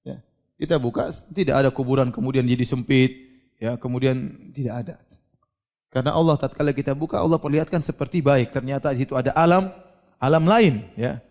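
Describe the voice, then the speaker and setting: A preacher delivers a religious lecture in a mid-range voice at a fairly quick pace. He is animated and questioning, putting questions to his audience and acting out scenes.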